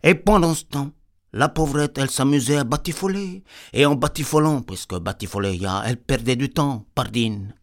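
A man's voice: mid-range voice, moderate pace. A man telling a tale in a comic folksy way, rambling off into peasant chatter. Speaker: storyteller.

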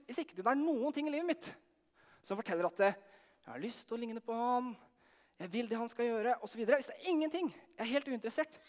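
A man preaching to a congregation in a lively, engaging way, with a very high voice. His questions go straight to the crowd. The sound rings out with the long reverb of a large hall. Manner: energetic, asks the audience questions, shouts to lead cheering. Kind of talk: lively sermon with audience participation.

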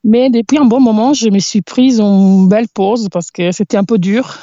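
Brief: Italian-accented woman, 40s, mellow, hesitant and searching for words, laughing easily, dry muffled outdoor recording. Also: mid-range voice, fairly even intonation, normal speed, dry recording. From Italy. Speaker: podcast guest, cycling activist. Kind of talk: casual interview chat. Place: outdoors in a meadow, sitting against a tree.

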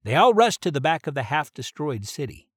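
A man's voice: on the high side, sing-song, fairly quick, breathy edge, no room sound. Man reading a story, dry close sound. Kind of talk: reading an original myth adventure story aloud.

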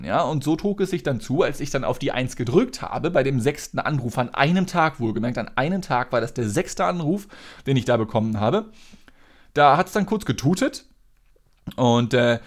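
A man hosting a podcast, telling a story in a casual, joking and sarcastic way. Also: mid-range voice. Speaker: podcast host.

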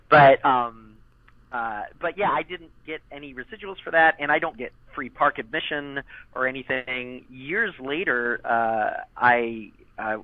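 A man who once voiced a character as a child rambles through a casual interview chat, restarting often and using many fillers. The audio is tinny like a phone line with no room sound, and his voice is medium in pitch.

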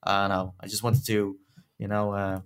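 A man's voice: fairly low pitch, little pitch movement, moderate pace, a bit bright, clean tone. A man with a Dutch accent hosting a casual gaming news chat, talking with many fillers and restarts. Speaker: podcast host.

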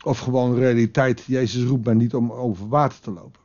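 A man's voice: mid-range voice, fairly even intonation, a little fast, a little mellow, highs cut off. A man preaching a devotional sermon in a conversational way, now and then acting out quotes with a raised voice. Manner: conversational, with dramatic acted quotes. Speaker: pastor.

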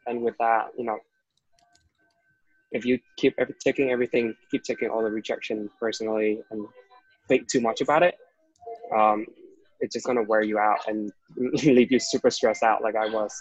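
A man's voice: fairly low pitch, fairly even intonation, moderate pace, pauses often, husky. A young man from Vietnam, a guest in a casual interview, talking hesitantly with many restarts and fillers. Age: young adult. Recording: dull, dry recording.

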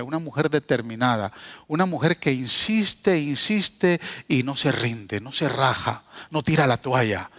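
A man preaching a sermon, telling a story and then teaching, swinging from hushed asides to raised cries. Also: a little high. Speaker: pastor. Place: church hall. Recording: preached in a hall with long reverb.

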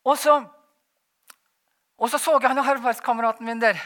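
A man giving a rambling, animated personal testimony, laughing as he tells it. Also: very high-pitched. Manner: animated, rambling, frequent "vet du" tag; laughs while telling. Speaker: testimony speaker.

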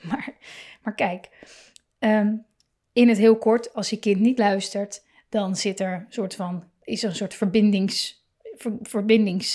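A woman's voice: medium pitch, a little mellow. A woman hosting a parenting podcast, talking casually and thinking aloud with many fillers and restarts. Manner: laughs often and acts out parent and child lines. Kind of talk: casual solo podcast talk.

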